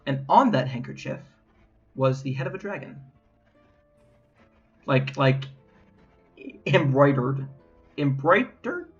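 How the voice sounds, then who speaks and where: A man's voice: medium pitch, slow pace, long pauses, muffled recording, soft background music. A man narrating and joking as game master of a live tabletop game. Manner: animated and playful.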